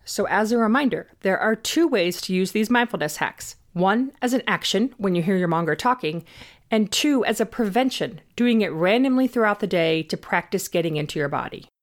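A woman with a medium-pitched voice presents scripted advice straight to the listener. She sounds upbeat and organized, setting out her points neatly. Key words get stretched for emphasis. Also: expressive, normal speed. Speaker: host giving self-help advice on anxiety and mindfulness. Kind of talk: scripted advice narration, tips addressed to the listener.

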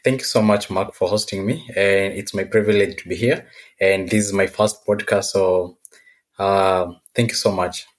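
A man's voice: sits low, steady tone, moderate pace. A man from Kenya with a Kenyan accent, giving casual, somewhat hesitant answers as a podcast guest. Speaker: podcast guest, technology professional.

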